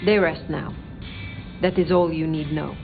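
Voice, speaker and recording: In video game dialogue, a woman with a deep voice voices a proud, worldly, imperious ancient female vampire, composed, formal and aloof with a cool, commanding authority. She speaks at a measured pace with fairly even intonation, over clear background music in narrow, tinny audio.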